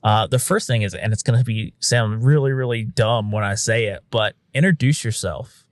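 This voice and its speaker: A man with a lowish voice, a paramedic and instructor, explains things at a moderate pace in casual podcast talk. Frank and conversational, he swears now and then and acts out what he'd say to patients. The sound is dry and clean, studio-quality.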